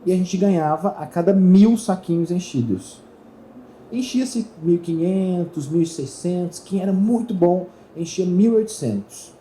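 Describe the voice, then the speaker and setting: A man's voice: high-pitched, moderate pace, slight background noise, rough recording. A middle-aged man tells a story to an audience at a trade fair, acting out the voices of the people in it. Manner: animated storyteller who acts out voices in dialogue. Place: talk stage at a trade fair.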